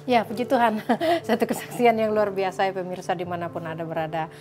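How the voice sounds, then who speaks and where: A woman's voice: medium pitch, a little fast, music in the background. A woman hosting a religious TV talk show, encouraging her guest and affirming with frequent murmurs. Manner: steady affirming murmurs, warm encouraging interviewer. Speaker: host.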